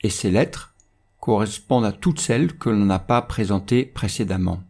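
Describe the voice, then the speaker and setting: A man teaching Quran recitation rules in a calm, measured instructional voice-over. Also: lowish voice.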